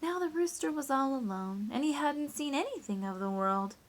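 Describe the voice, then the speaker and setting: In a high voice full of lively intonation and at a normal speed, a woman teacher reads a picture book expressively to young listeners. Between pages she guides them through simple sums step by step, prompting them with questions.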